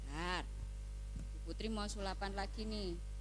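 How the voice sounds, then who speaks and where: A woman's voice: medium pitch, a little slow, background noise. A woman telling a Bible story to Sunday school children and quizzing them. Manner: animated, asks children questions.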